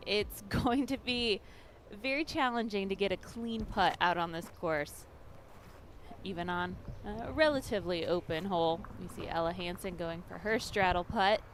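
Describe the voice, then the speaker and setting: A woman's voice: medium pitch, normal speed, slight background noise. A woman giving explanatory, analytical sports commentary. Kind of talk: disc golf commentary.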